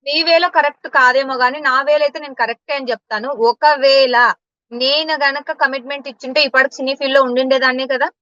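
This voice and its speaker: A woman's voice: sits high, fairly even intonation, a little fast, pushed and bright, no room sound, highs cut off. A woman giving blunt, indignant answers in an interview. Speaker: interview guest.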